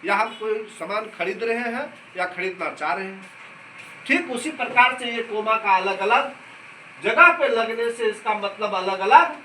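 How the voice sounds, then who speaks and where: A man teaching a class in a high, bright voice, checking often that the students follow. He sounds far from the mic in an echoey classroom, with faint background noise. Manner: explains slowly with repeated questions to the class. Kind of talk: classroom lesson. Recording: echoey room, from a distance.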